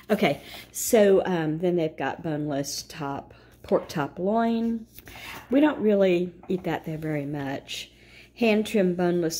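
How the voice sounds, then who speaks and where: A woman's voice: lowish voice, darkish tone. A middle-aged woman at home, chatting casually and thinking aloud with frequent asides. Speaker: vlogger. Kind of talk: casual chat reviewing a grocery flyer.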